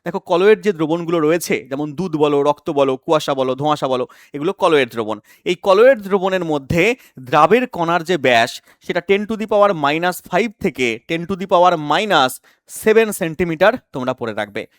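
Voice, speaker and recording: A high-pitched man coaching students through exam science questions. He asks a question, then answers it himself, and keeps repeating the key terms. The recording is dry and close, with no room sound. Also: animated, moderate pace, dry recording. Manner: explains by asking questions and answering them himself. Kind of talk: exam-prep science lesson.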